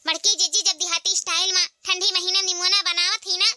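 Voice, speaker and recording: An eager young village daughter-in-law with an Awadhi accent, voiced by a woman for a cartoon. She talks keenly and pleadingly in a very high, bright voice, recorded dry. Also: flat delivery, a little fast, no room sound, full character voice.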